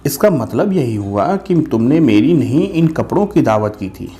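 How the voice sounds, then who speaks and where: A man teaching children a school lesson, reading the story aloud and then explaining word meanings slowly and patiently, often checking in with "theek hai". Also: mid-range voice, very animated, mellow. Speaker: Urdu teacher.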